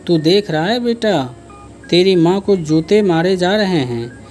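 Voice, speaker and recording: A man voicing a fierce, sharp-tongued peasant woman who scolds defiantly, read in an audiobook. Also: high voice, animated, a little slow, soft background music. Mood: defiant scolding.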